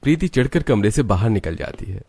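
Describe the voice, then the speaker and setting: A man narrating a family cartoon story in a scripted, even storytelling style. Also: lowish voice, brisk, breathy edge.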